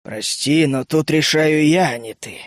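A man voicing a stern, weary mercenary leader in a read-aloud story, speaking calmly, low and measured. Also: no room sound, studio quality. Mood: grim.

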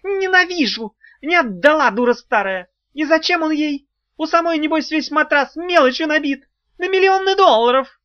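A squeaky little demon, spiteful and fawning, shrieks way up high in wild, swooping outbursts. The sound is dull and lo-fi. His whining keeps breaking into shrill fury. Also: wildly swooping pitch, moderate pace, no room sound, full character voice. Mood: shrill rage.

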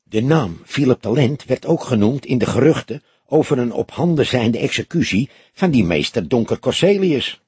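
A man voicing a slight, skittish male café owner who passes on underworld gossip in a confiding, knowing way, with a husky voice. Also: mid-range voice, animated, normal speed, darkish tone, no echo.

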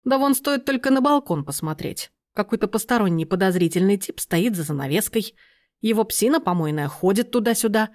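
A woman reading aloud and voicing a domineering middle-aged aunt who bursts into shrill, indignant outbursts. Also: lively intonation, a little fast, a little mellow, lightly acted.

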